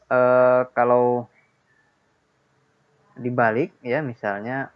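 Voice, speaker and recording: A man teaching a grammar lesson, explaining patiently and repeating key points with checks like "ya" and "nah". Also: mid-range voice. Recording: dull lo-fi sound.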